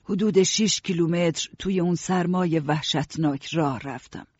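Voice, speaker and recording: A man narrating an audiobook in a steady first-person storytelling voice. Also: fairly high pitch, slightly rough, dry recording, lo-fi sound.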